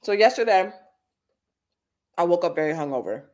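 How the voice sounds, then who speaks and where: Animated woman telling stories. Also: normal speed. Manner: animated storytelling, big pitch swings. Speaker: host. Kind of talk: casual live chat. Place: Los Angeles.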